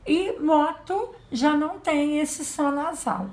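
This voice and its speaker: A woman's voice: high-pitched, takes it slowly. A woman teacher giving a patient children's lesson, spelling out letters and sounds. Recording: echoey room.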